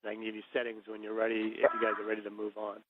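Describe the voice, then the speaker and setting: A man speaking as a mission control communicator, giving measured procedural instructions over a radio link with hesitant pauses, like a sci-fi communicator. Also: lowish voice, completely flat delivery, noisy background. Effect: radio transmission. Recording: muffled band-limited radio link.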